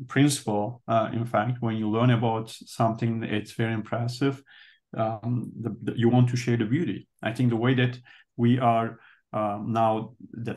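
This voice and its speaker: This Turkish-born man, whose first language is Turkish, joins a book club for casual discussion, speaking accented English. He keeps a quiet, level, unvarying pitch and frequently stops mid-thought to hunt for English words.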